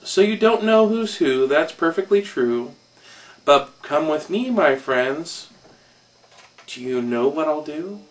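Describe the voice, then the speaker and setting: Guy reading a kids' story, doing a sly salesman type, smooth pitch, kinda far from the mic. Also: animated, slow pace. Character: sly fast-talking male salesman.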